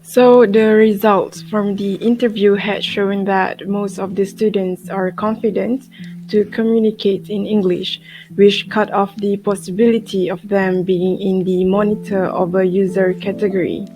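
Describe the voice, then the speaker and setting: A woman's voice: mid-range voice, little pitch movement, unhurried. A woman student presenting a class project, reading her script as narration. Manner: reads a prepared academic script. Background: guitar music.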